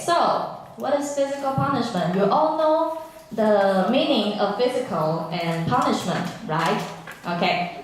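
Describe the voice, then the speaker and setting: A woman teaching an English class, patiently drilling words with repetition and questions. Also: a little high. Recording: echoey classroom, from far off.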